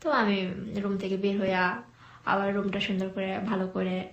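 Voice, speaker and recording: A young woman from Bangladesh telling her life story in an interview, speaking softly and hesitantly with many pauses and fillers. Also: mid-range voice, level tone, echoey room, highs cut off. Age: young adult.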